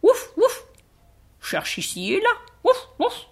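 A woman's voice: very high voice, huge pitch swings, slow, creaky, voice pushed up, heavily acted. A woman doing a yelping, panting dog. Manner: panting yelps.

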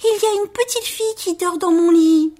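Little bear cub, tearful and easily excited, squeaky whiny voice, a woman voices it. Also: unhurried.

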